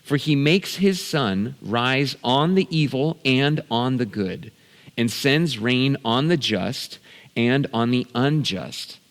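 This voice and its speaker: A man's voice: medium pitch, expressive, takes it slowly, long reverb tail. A man preaching a sermon as pastor, telling a personal story earnestly with bursts of raised emphasis. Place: church sanctuary.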